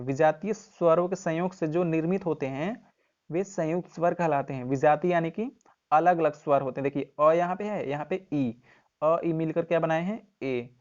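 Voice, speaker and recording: A man's voice: on the high side, moderate pace, darkish tone, lo-fi sound. A male teacher giving an exam revision lesson, repeating key points and quizzing the viewer with questions he answers himself.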